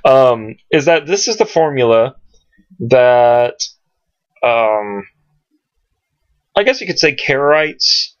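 A man teaching from scripture at home in a casual, rambling way, searching his computer aloud with many pauses and ums. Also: mid-range voice, very animated. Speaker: Bible teacher. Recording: dull lo-fi home recording.

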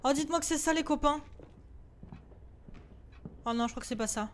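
A woman's voice: high voice, normal speed, slight background noise. A woman streaming a horror game live, jittery and swearing often as she scolds the ghosts on screen. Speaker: gaming streamer. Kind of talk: live horror gameplay commentary.

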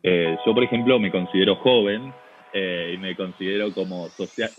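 Low-voiced Argentine man, chatty guest. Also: normal speed, dull audio, soft background music. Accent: Argentine Spanish. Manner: chatty, many fillers and restarts. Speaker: interview guest, volleyball player. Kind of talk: casual interview over video call.

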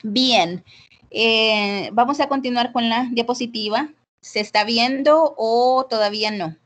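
A woman's voice: on the high side, measured pace, fairly bright tone. A woman with a Salvadoran Spanish accent teaching an English class over a video call, switching between Spanish and English and questioning students. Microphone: computer mic on a video call.

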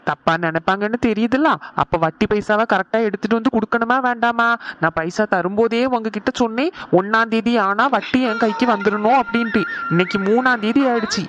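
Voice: medium pitch, a little fast, fairly bright tone, muffled recording, a little hiss or hum, natural voice. A voice actor playing a stern male village moneylender, blunt and demanding. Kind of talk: cartoon voice acting.

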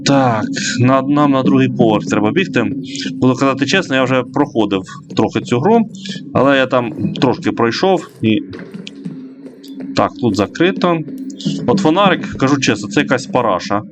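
Man, let's play commentary, casual, hesitant, lots of fillers, mid-range pitch. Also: expressive, normal speed, music in the background. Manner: hesitant, full of fillers and self-corrections.

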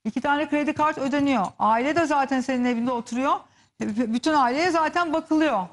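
A woman's voice: high voice, brisk. A woman TV commentator giving heated, emphatic gossip commentary and turning to the audience as she speaks. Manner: indignant, emphatic, addresses the audience directly.

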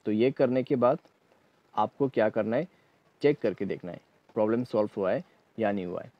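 A tech tutorial host guides viewers through a phone in step-by-step, instructional fashion, repeatedly checking in with "okay" as he goes. His voice is fairly low at a moderate pace, in a dry, lo-fi recording.

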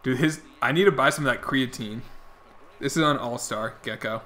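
Speaking at normal speed in a bright, forceful medium-pitched voice, a young man rambles casually while streaming a baseball video game. He's answering his chat while losing his voice.

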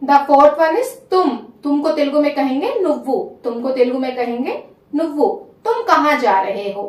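Woman, language lesson, slow repeated phrases, animated pitch, roomy distant sound. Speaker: language teacher.

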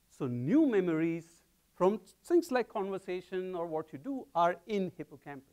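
A middle-aged man with an Indian accent gives an animated public science lecture in a large lecture hall, pacing and gesturing as he talks. His voice sits high.

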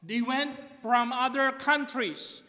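A very high, sharp-toned voice belongs to a middle-aged Filipino pastor, a native Tagalog speaker, who takes his time preaching in an empty church and repeats key phrases. A pulpit stand mic and distant camera pick him up, with the church hall's reverb trailing long.

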